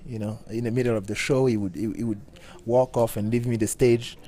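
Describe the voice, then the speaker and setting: A middle-aged man from Cameroon, a bassist talking casually in an interview with many halting restarts. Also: fairly even intonation, warm tone. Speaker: guest bassist.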